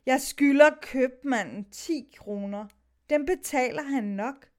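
Woman reading a sailors' tale, high voice. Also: a little mellow. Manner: reads many sailors' lines with shifting tone. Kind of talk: dramatic reading of a sea story.

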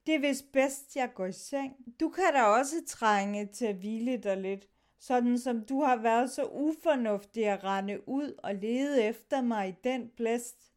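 A woman with a high-pitched voice reads a sailors' story aloud. She shifts her tone as she moves between the sailors' lines. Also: darkish tone. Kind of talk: dramatic reading of a sea story.

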